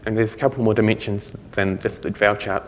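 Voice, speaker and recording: Low-voiced man giving a talk. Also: steady tone, fast, long reverb tail, slight background noise. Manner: conversational, explaining step by step with slides. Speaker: conference speaker. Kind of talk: conference talk.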